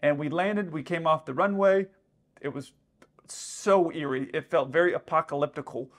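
Speaking to camera from a dim room indoors, a man in his thirties who flies for an airline walks through radio exchanges in a relaxed, step-by-step way. He has a fairly high voice at a moderate pace and keeps saying "let's say."

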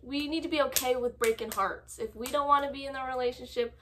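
A young woman in casual chat, reading messages aloud and giving advice in a halting, informal way. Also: high voice, steady tone, background noise. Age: young adult. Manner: halting, informal, filler-heavy. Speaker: co-host reading viewer confessions and giving advice. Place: small room at home, indoors.

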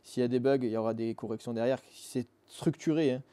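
A man's voice: medium pitch, fairly even intonation, fast, mellow. A man in his thirties, an app founder being interviewed, explaining step by step in casual, earnest talk with many fillers, recorded in a workshop studio on a lapel mic. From Marseille, France. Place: dim motorcycle workshop studio.

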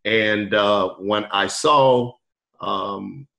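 Man with a lowish voice, relaxed and rambling, lots of ums, webcam video call. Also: very slow, vocal fry. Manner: relaxed, rambling, many fillers. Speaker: podcast guest, truck driver turned wholesaler. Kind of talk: casual storytelling interview. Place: indoor room, video call.

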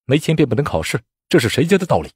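Guy doing calm steady hero scholar, low and firm, kinda husky. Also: fast, no room sound.

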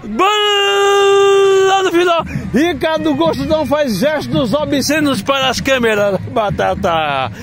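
A man giving rapid play-by-play commentary on an amateur football match at night, shouting out the goals. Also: very high-pitched. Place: outdoor floodlit football pitch at night. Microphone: handheld phone camera.

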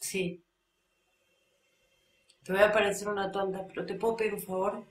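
An actress with an Argentine Spanish accent plays an abandoned woman pleading with her former lover on the phone, in a stage monologue addressed to a caller nobody else can hear. Her mid-range, everyday-sounding voice stays hushed and pleading with little pitch movement at a normal speed, then breaks into screams and sobs. The audio is poor, from a distant mic in an echoey room.

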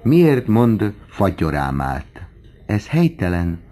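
A man's voice: low voice, a little mellow, lightly acted. A man reading an audiobook, voicing a young male medical student who jokes and mocks the other boarders with playful wordplay. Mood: teasing.

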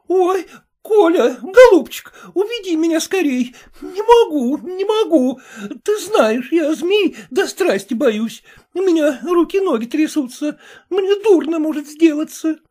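A shrill, bossy wife squeals her complaints in a high voice that swoops wildly up and down, as a male audiobook narrator puts her on. She is squeamish and quarrelsome, and she scolds everyone around her. This is a storybook reading. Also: animated, normal speed, darkish tone. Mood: frightened. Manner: indignant, quarrelsome.

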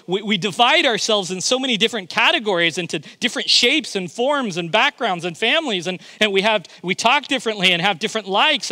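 A man's voice: high voice, sharp tone, dry recording. A male pastor preaching a sermon, emphatic and often repeating his words as he begins a thought.

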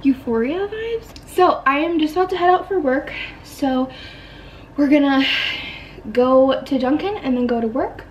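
Bubbly high-voiced woman vlogging. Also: normal speed, a little hiss or hum. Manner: bubbly, chatty, filler-heavy with "like" and "um". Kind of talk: casual day-in-my-life vlog chat.

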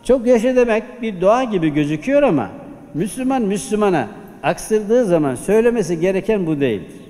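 A man's voice: high-pitched, expressive, brisk, warm tone. A man preaching a Friday sermon at a pulpit microphone, exhorting the congregation with rhetorical questions. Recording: long hall reverb.

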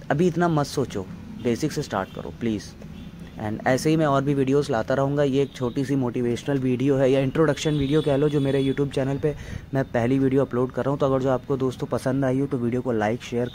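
A man's voice: medium pitch, a little mellow, slight background noise. A young man, hosting a fitness channel, giving earnest, blunt motivational advice in a voice-over with English words mixed in.

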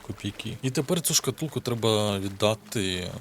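There's slight background noise and game music as a gaming video host with a Ukrainian accent comments casually, muttering offhandedly to himself and swearing without much thought. His lowish voice has lively intonation and a moderate pace.

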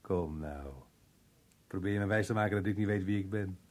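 An actor playing a muddled, evasive working man in an old radio drama, halting and puzzled, with a rough, husky voice. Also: low voice, darkish tone, natural voice. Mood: puzzled, defensive. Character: muddled, evasive working-class man, slow to grasp questions.

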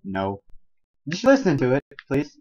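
A man's voice: medium pitch, wildly swooping pitch, unhurried, darkish tone, slight background noise. Rambling young guy, dull lo-fi sound. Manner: rambling, laughs a lot, swears. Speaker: channel co-host. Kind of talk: casual joking chat. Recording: dull lo-fi recording.

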